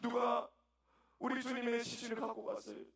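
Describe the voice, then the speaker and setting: A man's voice: very high-pitched, monotone, moderate pace, creaky, fairly bright tone, pitched above the performer's own voice, full character voice. A man voicing a grieving young woman who pleads as she searches for a lost body, in an echoey hall from a distance. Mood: pleading.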